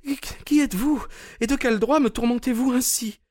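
A man voicing a scheming middle-aged maid in a high, whining falsetto for an audio drama. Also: normal speed, a little mellow. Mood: indignant.

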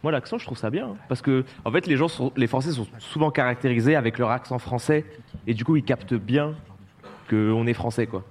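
A man playing as a game show contestant, animated and jumping up in pitch when excited. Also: brisk, a little hiss or hum. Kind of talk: casual banter.

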